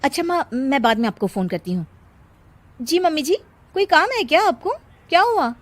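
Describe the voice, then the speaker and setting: A woman's voice: high-pitched, animated, normal speed, dry recording, pitched above the performer's own voice. A woman voicing an irritable young working mother who complains about her mother-in-law. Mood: defensive. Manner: complaining, defensive.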